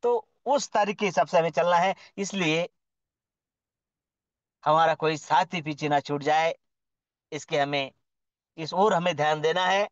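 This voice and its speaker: A fairly high-voiced man gives a motivational address, formal and effusive, heaping praise and asking rhetorical questions. The sound is dull and lo-fi, and it is dry, with no room echo. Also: measured pace, pauses often. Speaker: speaker at an online business community meeting.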